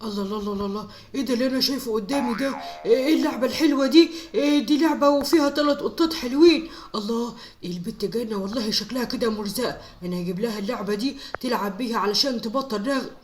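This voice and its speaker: A woman voicing a fast-talking Egyptian dad. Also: fairly high pitch, a little hiss or hum, close to an everyday voice. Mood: curious. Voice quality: rapid-fire chatter. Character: busy hardworking father, pious and impatient. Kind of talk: dubbed family skit.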